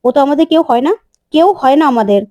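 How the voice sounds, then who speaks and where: A woman's voice: sits high, animated, quick pace, a little mellow, no echo. A woman voicing a scolding older matriarch. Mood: angry. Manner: scolding, indignant. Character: angry older mother-in-law, domineering matriarch. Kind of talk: serial recap storytelling.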